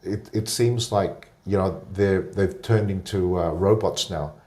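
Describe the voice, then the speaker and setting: A man with a very deep voice talks as a guest on a relaxed interview podcast. He explains at an even pace, often stopping on filler sounds as he goes. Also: measured pace. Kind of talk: casual conversational interview.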